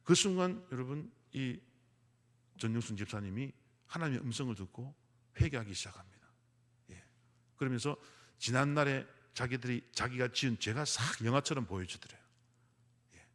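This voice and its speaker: A man's voice: medium pitch, expressive, normal speed, pauses often, a bit bright. A middle-aged man preaching a Sunday sermon as pastor, telling a story and acting out the voices in it. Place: large church sanctuary. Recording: long hall reverb.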